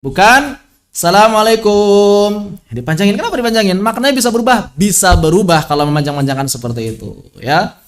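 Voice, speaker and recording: High-voiced man teaching over a video call. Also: very animated, quick pace, a bit bright. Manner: repeats key phrases, mixes formal and casual speech. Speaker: religious teacher. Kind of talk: online lesson on Quran recitation.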